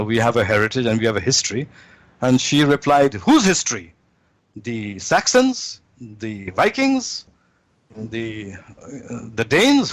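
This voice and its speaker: A man speaking as an interview guest, holding forth in a measured, deliberate lecturing way, often pausing on fillers. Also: medium pitch, no room sound. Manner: measured, deliberate, with frequent hesitations. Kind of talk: lecturing commentary.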